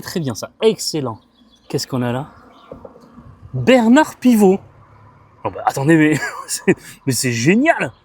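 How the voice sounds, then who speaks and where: A middle-aged man from France with a mid-pitched voice talks in a relaxed, chatty way. He gets excited over small finds and thinks aloud with filler sounds. He is recorded outdoors on a handheld camera. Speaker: book vlogger. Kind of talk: casual walking vlog.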